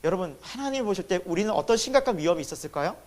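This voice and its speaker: A man preaching a sermon as pastor. He asks the congregation questions and answers them himself, and his voice swings between loud emphasis and sudden hushed drops. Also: high-pitched, animated, very fast. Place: church sanctuary.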